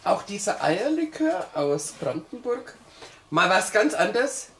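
A woman, the host's partner, giving a relaxed, easygoing verdict on a dessert in casual chat. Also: medium pitch, takes it slowly, a little hiss or hum. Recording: roomy echo.

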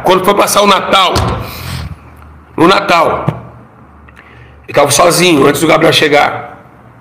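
A slightly high, creaky male voice with a fairly bright tone carries this emotional testimony from a middle-aged former pastor from Brazil. Dramatic in his storytelling, he repeats lines and calls on the audience to say them after him.

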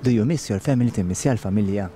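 A man's voice: fairly low pitch, racing, over music. A man in his thirties with a Maltese accent, hosting an outdoor TV segment in a garden, coaching his guest and repeating himself before turning sentimental. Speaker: TV host. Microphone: handheld microphone.

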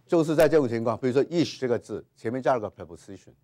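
A man's voice: medium pitch, animated, fast talker, mellow. A man teaching Hebrew grammar in a classroom lecture, dropping in English terms and many "ah" and "ha" fillers. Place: classroom with whiteboard.

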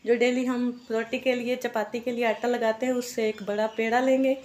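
Higher-pitched woman explaining a recipe. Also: little pitch movement, moderate pace, a little mellow. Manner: step-by-step instructive, friendly. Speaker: cooking channel host. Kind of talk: recipe voice-over narration.

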